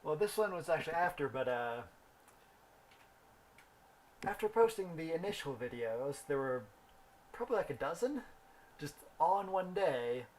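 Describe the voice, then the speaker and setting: A man's voice: fairly high pitch, big pitch swings, moderate pace, long pauses, a little mellow, slight background noise. A young man rambling through a story while thinking aloud about the game he is playing. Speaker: gaming video host. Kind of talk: casual gameplay commentary.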